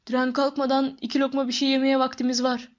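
A huge, gentle man, as a woman reading the audiobook puts him on talks in a plain, friendly way. The voice is fairly high. The recording is dull and lo-fi. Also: level tone, fast, lightly acted. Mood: kindly. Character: huge gentle man, kindly and rough-spoken.

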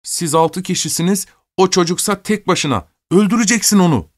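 A man voicing an earnest, gentle young man who questions the boys and scolds them. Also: medium pitch, expressive, fairly quick, dry recording, studio quality, pitched above the performer's own voice, lightly acted.

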